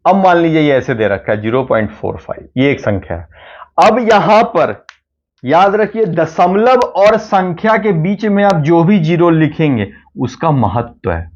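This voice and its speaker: A man teaching a math lesson for exam preparation, explaining step by step and often checking that the class is following. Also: on the high side. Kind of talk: exam-prep math lecture. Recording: dull lo-fi recording.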